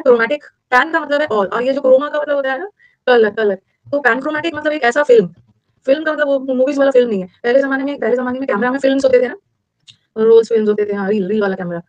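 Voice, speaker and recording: This high-pitched, darkish-toned woman with an Indian accent speaks fast as she teaches exam-prep vocabulary online. She chats, asks her class questions, repeats key words and mixes in English with her Hindi. There's no echo, and the highs are cut off.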